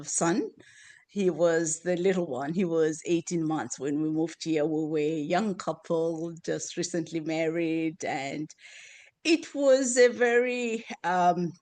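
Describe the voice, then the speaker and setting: A woman in her fifties from Zimbabwe, a guest in an interview, soft-spoken and laughing often, with many pauses and ums. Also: on the low side. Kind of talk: interview conversation.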